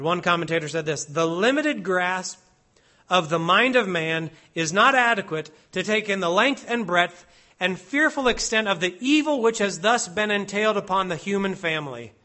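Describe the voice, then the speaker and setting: A man with a high, expressive, sharp-toned voice preaches an expository sermon. He's slow and deliberate, stressing each word as he reads Hebrew and Latin phrases aloud.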